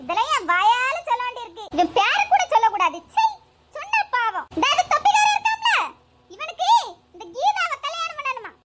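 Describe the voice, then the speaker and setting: A woman voicing a loud, scolding older village mother-in-law, wailing and shrill, in a comedy sketch. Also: big pitch swings, brisk. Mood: indignant. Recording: loud background noise.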